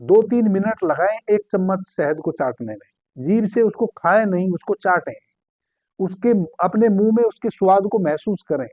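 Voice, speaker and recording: A man calmly giving guided meditation instructions as a spiritual teacher, repeating key phrases slowly. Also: high voice, no room sound. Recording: tinny phone-like sound.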